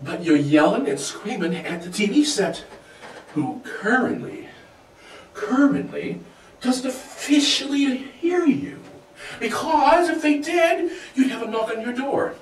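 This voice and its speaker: A man delivering a rambling comic rant, swinging wildly in pitch and loudness and laughing as he goes. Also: expressive, slow pace, a little hiss or hum. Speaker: comic monologue host. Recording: roomy echo, distant from mic.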